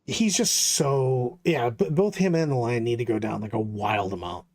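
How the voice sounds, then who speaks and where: A man co-hosting a casual tabletop wargame chat, animated and quick to laugh and exclaim. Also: medium pitch. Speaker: co-host of a tabletop wargame talk show.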